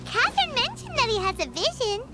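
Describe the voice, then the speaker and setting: Paimon, a squeaky tiny companion. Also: female voice, big pitch swings, a little fast. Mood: chirpy. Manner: high, bouncy, exclamatory. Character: tiny floating female companion, chirpy and excitable. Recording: game audio with loud music behind.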